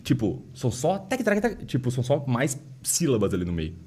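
A man's voice: medium pitch, wildly swooping pitch, normal speed, background noise. A man casually teaching beatbox, full of slang and demonstrating the sounds. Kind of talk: casual explanation with vocal demonstrations.

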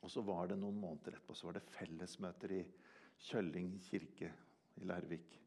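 Gravelly older preacher. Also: male voice, low voice, fairly even intonation. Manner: earnest, swings from loud emphasis to hushed quiet. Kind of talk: sermon with personal testimony.

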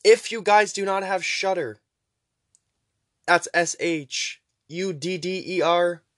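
Male podcaster with soft, w-like Rs. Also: sits high, slow pace, no echo. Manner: weak R sounds, pronounced close to W; chatty, urging listeners on with repeated phrases. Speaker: podcast host. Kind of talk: casual rambling podcast talk.

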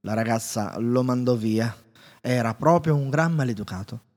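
A man narrating a storybook in a calm, measured way. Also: mid-range voice. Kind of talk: storybook reading. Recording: reverberant room.

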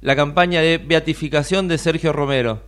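A man's voice: on the high side, a little fast, a bit bright. An Argentine man co-hosting a radio show in a casual, colloquial chatting style. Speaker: radio co-host.

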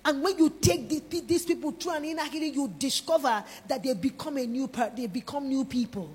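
A woman's voice: high-pitched, fairly quick, a little mellow. A woman preacher giving an emphatic sermon and calling on the congregation to respond aloud. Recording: long reverb of a large hall.

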